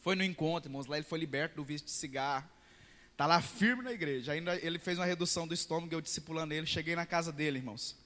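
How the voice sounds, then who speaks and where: A man preaches in quick, emphatic bursts and tells stories to his congregation. His voice sits fairly high for a man. It rings out with the long reverb of a large church hall. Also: sharp tone. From central Brazil. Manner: emphatic storytelling, often calling out to the congregation. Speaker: pastor. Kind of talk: sermon.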